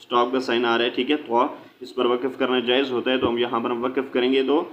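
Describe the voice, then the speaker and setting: A man teaching Quran recitation, spelling out each syllable slowly and then explaining in quick asides, often checking with "theek hai". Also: mid-range voice, flat delivery, fairly bright tone, highs cut off. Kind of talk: slow spelled-out recitation lesson.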